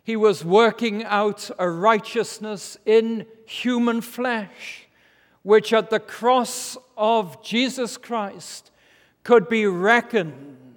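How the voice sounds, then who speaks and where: A British man with a lisp and slushy s sounds, preaching a formal, solemn sermon in measured phrases with rhetorical pauses. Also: high voice, a bit bright. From Britain. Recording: reverberant large hall.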